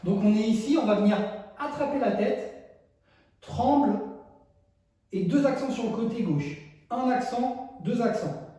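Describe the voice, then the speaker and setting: A man leads a dance class, counting beats and humming the song as he shows each move. His voice is high and mellow. It reaches the mic from across a very echoey studio. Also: animated, moderate pace, recorded from a distance. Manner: counts beats and sings along while demonstrating. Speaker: dance teacher.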